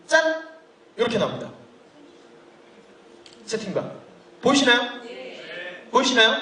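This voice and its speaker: A man warming up a live audience as event host, joking and coaxing the crowd with a handheld mic in a large hall. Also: high voice, distant mic. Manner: playful, jokey, coaxing the crowd. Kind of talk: lively event hosting. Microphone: handheld mic heard from a distance. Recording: echoey hall, voice from afar.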